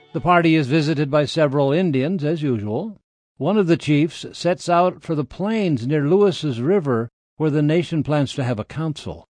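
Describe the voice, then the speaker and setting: A man's voice: on the high side, a little mellow. Male documentary narrator over music. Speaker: radio program narrator.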